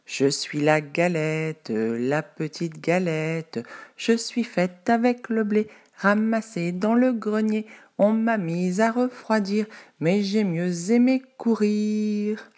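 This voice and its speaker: A woman voicing a tiny proud runaway pancake in a storybook, squeaky and cheeky, singing her little song slowly. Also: huge pitch swings, full character voice.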